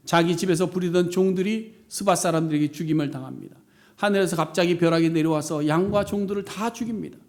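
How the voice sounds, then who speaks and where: A man preaching a sermon as pastor of a church, animated and dramatic, voicing the complaints he quotes. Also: fast. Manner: animated, acts out quoted laments with rising pitch and volume.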